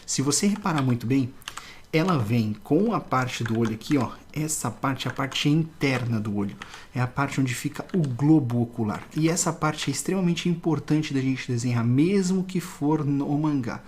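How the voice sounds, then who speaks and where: A man's voice: mid-range voice, animated, normal speed, a little mellow, slight background noise. A man teaching a casual drawing tutorial, explaining step by step and often checking in with the viewer.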